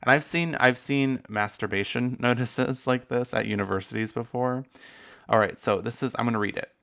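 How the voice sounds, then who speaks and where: Here a podcast host talks at normal speed in a mid-range, creaky voice with a fairly bright tone. His casual solo monologue is candid, profane and campy, with laughter sprinkled through his asides.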